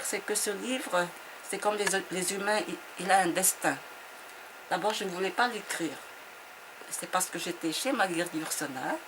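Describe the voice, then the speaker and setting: A woman author from Vietnam, speaking in a reflective interview conversation. She hesitates and often repeats her words as she searches for them. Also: on the low side. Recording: noisy background.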